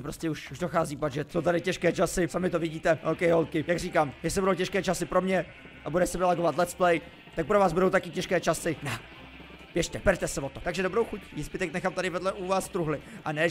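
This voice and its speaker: A man's voice: a little high, a bit bright, slight background noise. A young man giving chatty, playful, self-mocking commentary while playing a video game. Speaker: gaming YouTuber. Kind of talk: Minecraft let's play commentary.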